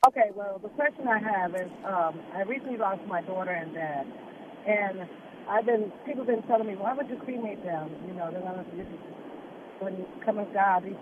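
Woman calling in on a muffled phone line, halting, faint hiss on the line. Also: mid-range voice. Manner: halting, hesitant. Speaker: caller to a radio show. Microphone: phone, not held close.

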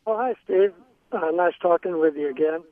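A man's voice: on the high side, normal speed. A male caller to a radio show, heard over a phone line, hesitant and full of ums and restarts. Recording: tinny dry phone line.

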